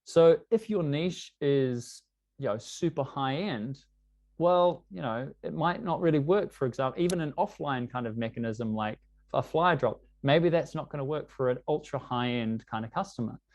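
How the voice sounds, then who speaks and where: A New Zealand man living in London presents an online business workshop in a conversational way, leaning heavily on fillers like "you know." He has a New Zealand English accent and a mid-range, slightly mellow, animated voice at a moderate pace.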